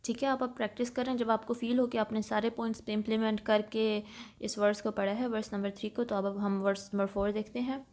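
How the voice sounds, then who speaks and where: A woman teaching Quran recitation rules, explaining each sound patiently, switching between Urdu and English and reciting examples slowly. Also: fairly high pitch, level tone. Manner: slows and recites Arabic examples louder. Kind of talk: tajweed lesson mixing Urdu and English.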